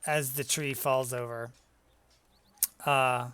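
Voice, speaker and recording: A man's voice: medium pitch, fairly even intonation, takes it slowly, fairly bright tone, slight background noise. A man narrating as dungeon master, casual and laughing, with some swearing. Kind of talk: narrating a tabletop game.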